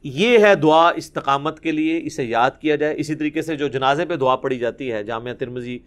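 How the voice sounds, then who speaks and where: A man's voice: a little high, clear, resonant tone. A man giving a Quran commentary lecture, explaining verses, reciting Arabic and asking rhetorical questions. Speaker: Islamic preacher.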